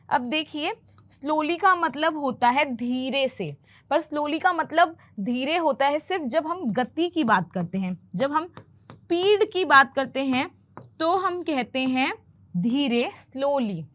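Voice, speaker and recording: Female language teacher, high bright-pitched voice, unhurried delivery, patient and repetitive. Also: animated. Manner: patient, repeats phrases slowly for learners. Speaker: English teacher. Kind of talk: explaining film dialogue in a language lesson.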